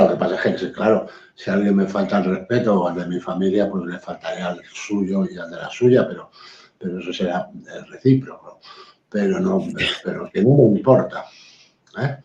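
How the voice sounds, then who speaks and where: A man's voice: sits low, moderate pace, warm tone. A man, a guest in a live-stream talk, speaking bluntly and assertively with many hesitant fillers. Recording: roomy, dull lo-fi sound.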